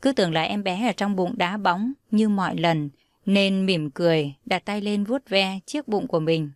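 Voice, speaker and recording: A young woman narrating a first-person story in a calm, steady reading voice. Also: mid-range voice, moderate pace, no room sound, studio quality.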